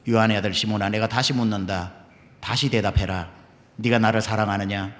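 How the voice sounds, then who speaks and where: A man voicing Jesus as a calm, commanding grown man, asking slow, solemn questions in a sermon, with a long church reverb. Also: on the low side, voice pushed down, natural voice. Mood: stern, solemn.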